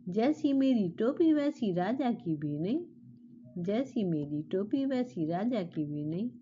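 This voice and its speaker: A woman voicing a mischievous little female sparrow who chants slow teasing songs. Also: medium pitch, very animated, warm tone, dull audio, slight background noise. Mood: taunting sing-song. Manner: slow sing-song chanting.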